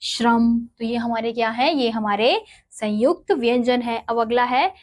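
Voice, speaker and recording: Female teacher, unhurried and slightly high, patient explainer who spells letters out one at a time. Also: a little mellow. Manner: patient, asks and answers her own questions. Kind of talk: explanatory grammar lesson.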